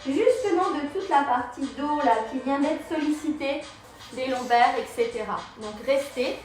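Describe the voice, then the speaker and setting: A woman's voice: sits high, normal speed, darkish tone. A woman instructor leading a live Pilates and yoga class, cueing breaths and movements step by step. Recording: very echoey room, mic far off, music behind.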